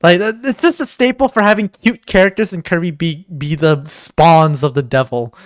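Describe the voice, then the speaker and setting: A man co-hosting a livestream in casual chat, excitable and jokey, swearing now and then. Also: fairly high pitch, moderate pace, no echo, clean studio sound. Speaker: stream co-host.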